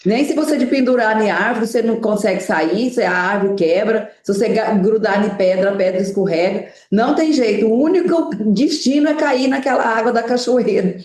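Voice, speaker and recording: A woman's voice: fairly high pitch, brisk, hardly any pauses, darkish tone. Chatty woman moderator, echoey call. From Araguaia region, Brazil. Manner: chatty, uses homely comparisons. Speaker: live-stream moderator. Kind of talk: moderating a live stream.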